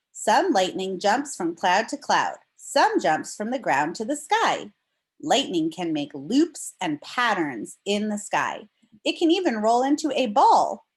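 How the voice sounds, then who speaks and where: In a mid-range voice, a woman teacher conducts a read-aloud for young children, giving simple explanations and reading with deliberate expression.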